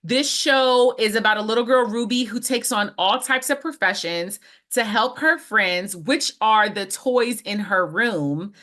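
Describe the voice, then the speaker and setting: A young adult woman co-hosting a podcast in casual chat, animated and emphatic with playful asides. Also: medium pitch, measured pace. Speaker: podcast co-host.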